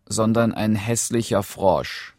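A man's voice: lowish voice, slow pace, darkish tone, no room sound, studio quality, pitched above the performer's own voice. A man voicing a spoiled young princess in a fairy tale, in a raised, whiny voice. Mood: anxious.

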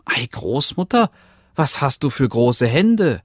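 A man's voice: mid-range voice, big pitch swings, slow pace, husky, no room sound, clean studio sound, pitched above the performer's own voice, exaggerated voice. A man voicing an innocent, trusting little girl in a storybook reading, with a naive, questioning manner. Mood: wondering.

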